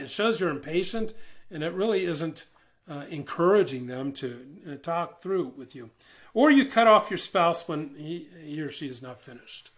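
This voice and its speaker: A middle-aged man giving an informal talk on listening in marriage, relaxed, repeating words and using many fillers. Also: on the high side. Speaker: marriage communication teacher.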